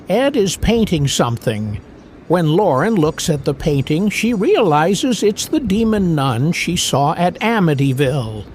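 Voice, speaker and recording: A man reads a scripted movie recap in a high voice that swoops widely up and down. He takes his time and moves through the plot scene by scene in a plain storytelling manner. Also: slight background noise.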